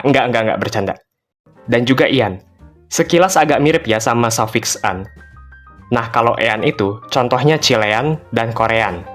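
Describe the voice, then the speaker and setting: A man hosting an educational channel, explaining in a playful, joking, casual scripted style. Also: mid-range voice. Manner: playful, joking, chatty slang.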